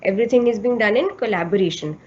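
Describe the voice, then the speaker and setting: A woman's voice: medium pitch, quick pace, a little mellow. A woman psychotherapist giving a lecture to trainees, explaining patiently and checking in with her listeners. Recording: slightly dull lo-fi recording.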